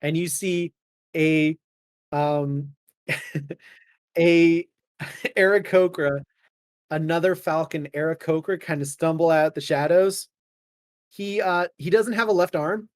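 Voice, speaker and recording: Male game master, lighter pitch, halting improvised narration, dry studio-like sound. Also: fairly even intonation, no echo.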